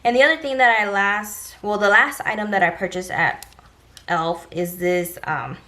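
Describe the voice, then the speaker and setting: A woman's voice: mid-range voice, moderate pace, pushed and bright. A woman talking casually and directly to viewers as a beauty vlogger, giving an informal shopping haul review.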